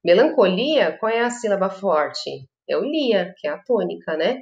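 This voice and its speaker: A woman's voice: medium pitch, expressive, moderate pace, a little mellow, dull audio. Brazilian woman teaching in an echoey room. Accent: Brazilian Portuguese. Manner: explains patiently, with frequent "né?" and "tá?" check-ins. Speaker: literature teacher. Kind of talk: online class lecture.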